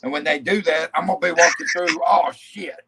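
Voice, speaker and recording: Gravelly high-voiced man telling loud stories. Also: fairly quick, poor audio. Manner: loud, profane, animated storytelling with laughter. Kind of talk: casual storytelling.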